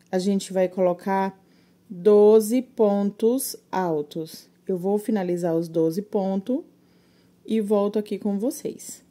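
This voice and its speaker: Soft-spoken woman teaching crochet. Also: mid-range voice. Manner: patient, counts stitches aloud, addresses viewers as girls. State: a little short of breath from coughing. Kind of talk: step-by-step crochet tutorial.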